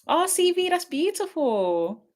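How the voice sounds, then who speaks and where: A woman's voice: very high voice, very animated, unhurried, darkish tone. Woman, late twenties, livestream host, casual and frank with viewers. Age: 20s. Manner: chatty, gives frank big-sister advice to viewers. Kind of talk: casual livestream chat reading viewer comments.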